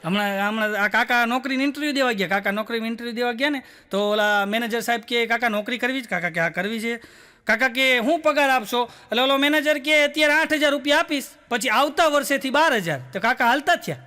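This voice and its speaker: A Gujarati comedian on stage, spinning joke after joke in a strikingly high, bright and forceful voice. He slips into the characters of his tales and laughs along with his own punchlines. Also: fast talker, clean tone. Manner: storytelling, acting out characters with raised pitch and laughing through punchlines. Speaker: stand-up comedian. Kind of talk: stand-up joke telling.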